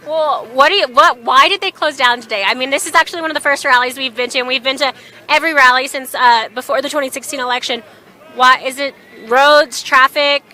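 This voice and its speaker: Young woman street reporter, high bright voice, chatty and upbeat, outdoors. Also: fairly quick. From Atlanta, Georgia. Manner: upbeat and chatty, laughs often. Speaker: host. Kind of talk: street interviews at a rally.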